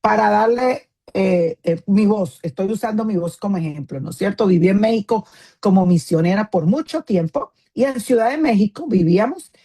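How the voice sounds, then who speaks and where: Speaking to other women at a normal pace, this pastor's wife has a mid-range voice that is warm and husky. Her earnest teaching is delivered firmly, sometimes sounding like a scolding, and is peppered with fillers and "isn't that right?" remarks.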